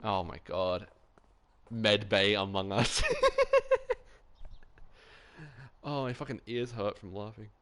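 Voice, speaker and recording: A man's voice: lowish voice, fairly even intonation, measured pace, a bit bright, smooth. A young man streaming live, rambling through anecdotes in casual chat, swearing often and laughing a lot.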